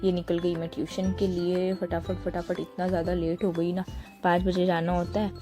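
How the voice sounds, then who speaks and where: A young woman from India narrating a relaxed voice-over of her day at home, chatty and often pausing to search for a word. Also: on the low side, over music. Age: young adult. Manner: chatty, searching for words, frequent laughs. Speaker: vlogger. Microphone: small handheld mic.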